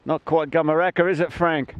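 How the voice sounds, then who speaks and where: A man chatting excitedly and calling out to his riding partner while cycling downhill outdoors. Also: fairly high pitch, fairly quick, no echo. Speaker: cyclist filming his ride. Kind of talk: casual commentary while riding. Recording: muffled camera mic with wind noise.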